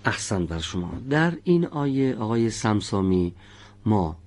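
A man teaching Quran recitation, patiently correcting his students' pronunciation and demonstrating each sound slowly. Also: fairly low pitch, big pitch swings, darkish tone. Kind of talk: patient classroom instruction.

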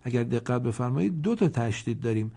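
A man with a gravelly, dark voice delivers a formal recorded lesson. He teaches Quran reading slowly and deliberately, stretching example words and pausing so listeners can answer. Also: medium pitch, expressive. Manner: slow, deliberate, pausing to let learners answer.

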